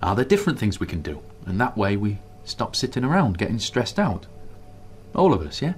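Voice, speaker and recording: Over soft background music, an actor with a lowish voice and big pitch swings plays a greying, middle-aged husband and father in a radio drama. He starts out dry, wry and grumbly, then turns brisk and enthused, eagerly rallying his family around a plan.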